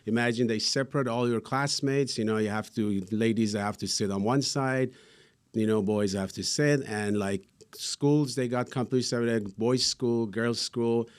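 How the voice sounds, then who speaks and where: A man's voice: mid-range voice, moderate pace, clear, resonant tone. Earnest middle-aged Iranian-accented man. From Iran. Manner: earnest, rambling with many fillers. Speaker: guest. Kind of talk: interview answers.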